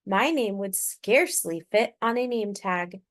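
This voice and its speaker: A woman voicing a kindly, self-assured music teacher in a storybook, poised and deliberate. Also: mid-range voice, close to an everyday voice. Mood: poised, reassuring.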